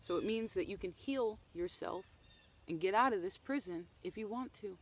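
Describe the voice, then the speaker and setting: A woman's voice: medium pitch, moderate pace. Chatty woman giving a tarot reading outdoors. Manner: chatty, often checks in with "okay?" and "right?". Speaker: tarot reader. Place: outdoors in the woods.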